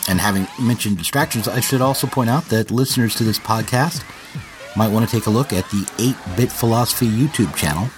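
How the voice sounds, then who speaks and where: A man hosting a podcast, reading a scripted introduction and then chatting loosely with his guest, often halting. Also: on the low side. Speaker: podcast host and publisher. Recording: faint music under the intro.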